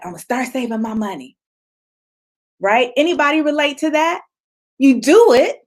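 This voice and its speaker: A woman coach with a slightly raised pitch gives an energetic, conversational motivational talk over a video call. She slips into the voices of everyday people and stops to answer her viewers. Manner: conversational and animated, acting out people's inner voices; reads out and answers audience comments. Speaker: motivational coach leading a retreat session.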